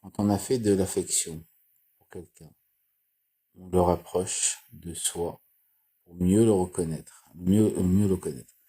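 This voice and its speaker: A man reading and explaining Torah commentary in a slow, halting way, with restarts and repeated phrases. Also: low voice, fairly even intonation, mellow, breathy edge. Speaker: Torah teacher.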